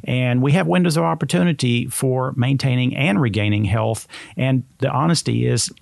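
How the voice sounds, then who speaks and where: A man's voice: mid-range voice, gravelly, a little mellow, dry recording. A man hosting a podcast conversationally, speaking earnestly and often rephrasing as he goes. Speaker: podcast host.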